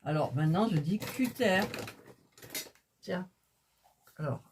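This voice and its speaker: Lively, chatty woman presenting a haul. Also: mid-range voice, normal speed, slight background noise. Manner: chatty, joking, turns to address viewers. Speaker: host of a shopping haul video. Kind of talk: casual chat, presenting purchases.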